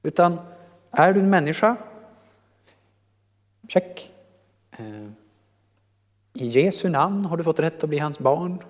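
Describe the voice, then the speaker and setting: A male preacher talks through a scripture passage in a relaxed, joking manner, addressing people in the room directly. His voice sits slightly high for a man. A long reverb trails off his words in the church hall. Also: pauses often. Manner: lively, conversational, jokes with congregation. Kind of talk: sermon.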